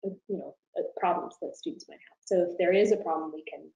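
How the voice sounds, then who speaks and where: Speaking fast in a lowish, warm voice with vocal fry, this professor gives conversational, thoughtful answers as an interview guest and frequently rephrases herself. An echoing, roomy sound surrounds her.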